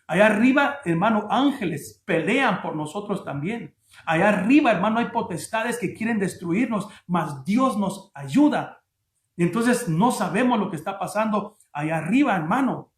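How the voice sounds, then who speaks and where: Male pastor, high voice, emphatic sermon, repeats words, echoey room. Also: expressive, normal speed.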